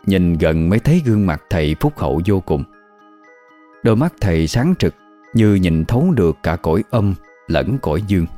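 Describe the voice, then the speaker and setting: Deep mellow guy reading a ghost story, steady pace, faint music behind. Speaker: narrator. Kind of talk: scripted horror story narration.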